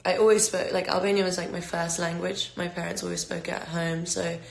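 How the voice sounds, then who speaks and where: A woman in her twenties, a singer with a London English accent, answers fans on a phone livestream in a casual, rambling way, full of fillers and restarts. She speaks a little fast, her fairly low voice level and gravelly. The room is echoey.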